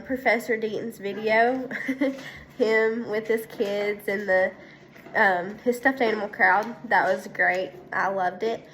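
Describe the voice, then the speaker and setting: Young female student, congested, slightly high voice, unhurried, halting delivery with frequent fillers. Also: fairly bright tone, a little hiss or hum. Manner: hesitant, many ums and restarts. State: congested from a sinus infection. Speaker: student presenting a weekly assignment. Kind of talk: casual spoken class presentation.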